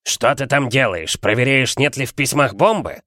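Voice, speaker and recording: A man's voice: mid-range voice, moderate pace, pushed and bright, no room sound, clean studio sound, close to an everyday voice. A man voicing a bad-tempered, blustering middle-aged uncle who snaps and bellows scornfully, in an audiobook reading. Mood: gruff scornful.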